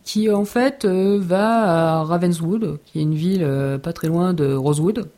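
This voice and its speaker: Mellow-voiced young woman, casual podcast chat. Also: lowish voice, a little slow. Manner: hesitant, frank, laughs often. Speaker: podcast co-host.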